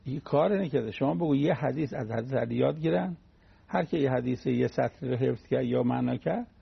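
A man with a gravelly, husky voice gives a relaxed religious talk, illustrating his points with plain stories and examples. The sound is muffled, as on an old radio broadcast. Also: medium pitch. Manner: folksy, uses everyday anecdotes and examples. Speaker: cleric giving a religious talk.

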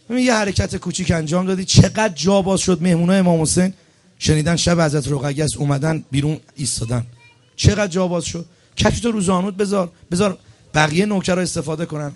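A man preaching a sermon at a religious gathering, telling a story and speaking straight to the congregation, repeating phrases for emphasis. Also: sits high. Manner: speaks directly to the congregation, urging and instructing.

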